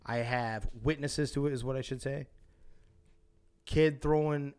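A man co-hosting a sports podcast, talking casually and getting excited and insistent. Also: mid-range voice, a little slow, clear, resonant tone. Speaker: podcast co-host.

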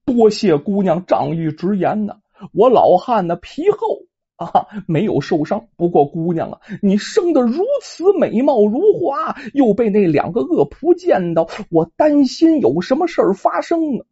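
A fatherly old village man, as a storyteller puts him on, grateful and anxious for the girl. The voice is dark and husky. The recording is dull and lo-fi. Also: medium pitch, big pitch swings, unhurried, heavily acted.

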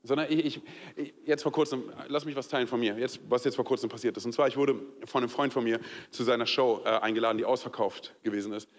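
A young man from Germany preaching a sermon in a lively, conversational way, full of fillers and direct questions to the listeners. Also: mid-range voice, fast talker. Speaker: pastor. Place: church hall. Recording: long hall reverb.

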